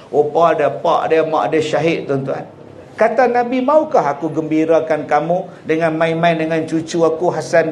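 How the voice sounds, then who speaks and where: High-voiced northern Malaysian preacher, echoey hall. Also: male voice, a little hiss or hum. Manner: dramatic storytelling, repeatedly addressing the audience, rhetorical questions. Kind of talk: sermon. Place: village prayer hall.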